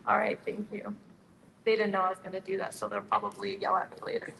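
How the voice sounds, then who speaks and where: There's vocal fry in this young woman's mid-range voice, which swings widely in pitch at a fairly quick pace. A Utah nonprofit co-founder, she speaks to a community gathering in a friendly, upbeat prepared speech aimed right at the crowd, recorded in an echoing hall with slight ambient noise.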